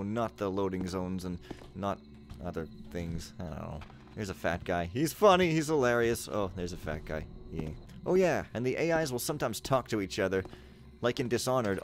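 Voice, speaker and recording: A man's voice: fairly low pitch, slight background noise. A man giving casual, sardonic, rambling commentary as he plays through a video game. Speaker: let's play host. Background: video game sound and music.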